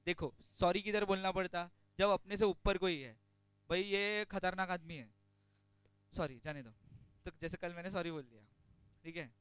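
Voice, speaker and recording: A man teaches a class in a bright, high, crisp voice. He chats and jokes between points, then slows right down to dictate notes. The sound is close and dry. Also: no echo, faint music behind. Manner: chatty, joking asides, dictates slowly from notes. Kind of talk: classroom lecture on company law.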